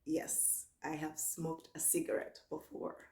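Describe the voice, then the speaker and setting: A young Nigerian woman with a low, easygoing voice talks casually through a question-and-answer vlog. She reads each question aloud slowly, then answers in a relaxed, chatty way. Her voice rings in an echoey room. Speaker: vlogger.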